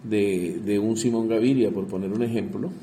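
A man speaks in a very dark, mellow voice and a lowish register. He answers as a congressman in an interview, halting and repeating small words as he searches for the next phrase. Faint noise hums behind him. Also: fairly even intonation, vocal fry.

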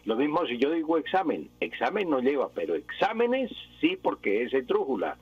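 A man's voice: fairly high pitch, sing-song, moderate pace, husky, no echo. A man who is the language expert on a radio show, patiently explaining spelling rules and repeating his examples one by one. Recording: dull lo-fi radio broadcast.

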